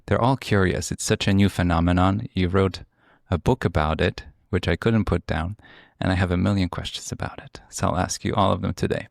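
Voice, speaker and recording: Man with Polish accent, low gravelly voice, dry sound, eager podcast host. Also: steady tone, fairly quick, few pauses, no room sound. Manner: eager, enthusiastic questioning. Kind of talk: interview hosting.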